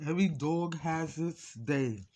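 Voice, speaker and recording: A man telling a personal story in a casual mukbang style, talking with his mouth full in short, halting phrases, aggrieved and repeating himself insistently. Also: fairly high pitch, mellow. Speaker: vlogger.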